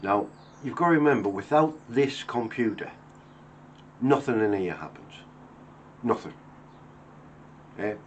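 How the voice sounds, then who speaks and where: A man's voice: mid-range voice, expressive, unhurried, long pauses. Guy in his 50s, earnest and down to earth, chatting to camera in his workshop, bit of faint background noise. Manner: earnest, plain-spoken, acts out everyday dialogue. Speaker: woodworker. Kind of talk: reflective talk to camera. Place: home workshop.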